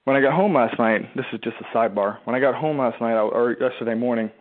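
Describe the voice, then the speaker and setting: A man's voice: medium pitch, quick pace. A man coaches his followers in a casual, emphatic talk, and his mid-range voice rises whenever he asks a rhetorical question. He mimics his listeners' objections in a whiny voice before answering them himself. The sound is thin and boxy, like a phone call. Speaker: business and marketing coach. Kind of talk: motivational live talk to followers. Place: a room at home, seated in a chair. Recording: tinny phone-like line.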